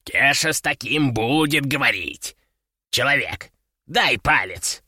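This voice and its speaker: A man voicing a cheeky, brash male parrot that talks about himself in the third person with broken grammar and a creaky, squawky voice. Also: medium pitch, lively intonation, takes it slowly, bright, forceful tone, no echo, studio quality, exaggerated voice. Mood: grudging. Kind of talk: audiobook character voice.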